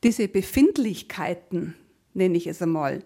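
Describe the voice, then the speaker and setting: A woman's voice: on the low side, animated, measured pace, mellow, no room sound. Woman radio host with a dry close sound. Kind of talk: radio presenting and interviewing.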